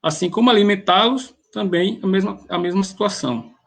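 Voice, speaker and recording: High, gravelly teacher. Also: male voice. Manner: methodical, pauses and restarts mid-phrase. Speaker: grammar teacher. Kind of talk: explaining exam questions.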